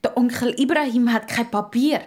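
A woman's voice: fairly high pitch, normal speed, darkish tone, lightly acted. A woman voicing Moussa, an eager, curious young boy in a radio play. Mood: earnest. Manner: earnest, stammering at times.

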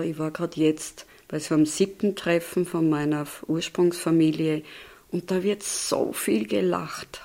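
A woman's voice: fairly low pitch, warm tone. A woman in her fifties from Austria, speaking with an Austrian dialect that has picked up a Swiss tinge, talking thoughtfully as an interview guest and often ending with "oder?". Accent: Austrian German dialect, slightly Swiss-tinged. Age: 50s. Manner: thoughtful, tags questions with "oder?". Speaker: interview guest, seminar leader. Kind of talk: conversational interview.

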